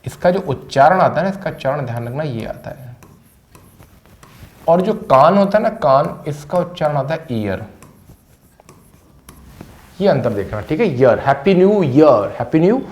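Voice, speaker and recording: A male English teacher with a Hindi accent runs through a vocabulary list at a board. His voice sits a little high for a man, and he repeats each word and its meaning several times. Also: lively intonation, moderate pace, long pauses. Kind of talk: vocabulary lesson to camera. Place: classroom with a board.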